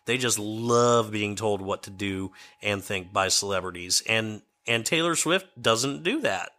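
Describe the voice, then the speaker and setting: A man's voice: fairly low pitch, expressive, a little slow, pushed and bright. Scratchy-voiced man hosting a podcast. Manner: repeats and restarts words often, sardonic. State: scratchy, strained voice. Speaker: podcast host. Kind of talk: solo podcast commentary.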